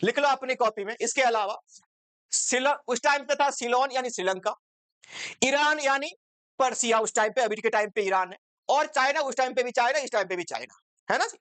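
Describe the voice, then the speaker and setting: A woman teaches a commerce lesson in a conversational, exam-focused way, constantly quizzing her students with rhetorical questions. Her voice sits fairly high. The recording is dry, with no room sound. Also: normal speed, fairly bright tone, dry recording. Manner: conversational, asks students rhetorical questions, mixes English terms into Hindi.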